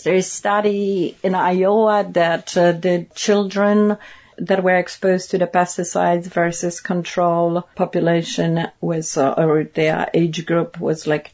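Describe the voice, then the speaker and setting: A woman's voice: on the low side, a little mellow. A middle-aged woman from Poland with a Polish accent, speaking earnestly as an interview guest and repeating points for emphasis. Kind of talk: interview conversation. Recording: dull lo-fi sound.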